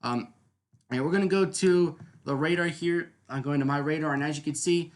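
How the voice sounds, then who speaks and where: A man's voice: on the high side, moderate pace. A man hosting a live weather stream, explaining in an unscripted, conversational way and often checking in with listeners. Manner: conversational, explanatory, repeatedly seeking agreement.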